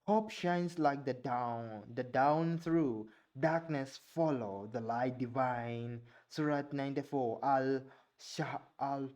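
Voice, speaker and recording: Reading aloud in a halting way, a young vlogger from Uganda sounds out words he doesn't know and drops in offhand comments. His voice is mid-range with a darkish tone, and his English carries a Ugandan accent shaped by his native Luganda.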